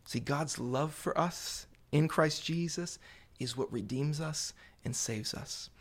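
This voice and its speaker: A man preaching a sermon to a congregation, explaining scripture in deliberate, emphatic phrases with pauses, repetition and rhetorical questions. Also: a little high, husky. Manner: rhetorical questions put to listeners. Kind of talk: sermon, Bible exposition to a congregation.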